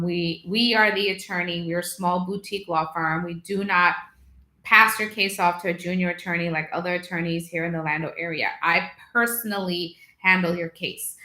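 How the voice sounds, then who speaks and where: A woman from Guyana, a lawyer hosting a live video question session from her office, answering viewers briskly and reading out phone numbers slowly. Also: on the low side, bright, forceful tone, echoey room, rough recording. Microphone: video call setup.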